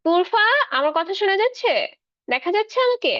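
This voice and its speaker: A woman teaching a spoken English class to children over a video call, patient and coaxing, mixing Bengali with slow, careful English. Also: very high-pitched, animated, no room sound, highs cut off.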